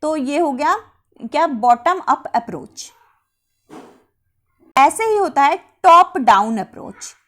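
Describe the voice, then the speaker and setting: A woman teaching an exam-prep lesson, asking herself rhetorical questions and then answering them, repeating key terms slowly. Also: high voice, lively intonation, fairly bright tone.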